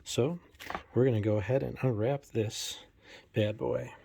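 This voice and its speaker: Unhurried and creaky, this thirtysomething collector's voice is medium-pitched and dark, with fairly even intonation and a faint hiss or hum in the audio. He films one-handed on a phone in his home game room, chatting casually through an unboxing with plenty of fillers and self-deprecating humor.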